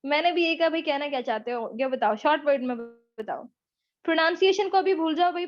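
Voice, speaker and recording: A woman's voice: high voice, lo-fi sound. A woman with a Pakistani accent teaching a spoken English class online, chatty, teasing and encouraging, mixing English into her Urdu. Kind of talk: live online class lecture with Q&A.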